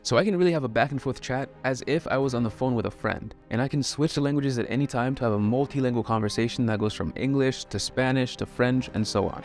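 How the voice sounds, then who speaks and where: A man hosting a video, giving a clear scripted tutorial narration that explains each step in order. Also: mid-range voice, darkish tone. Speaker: video host.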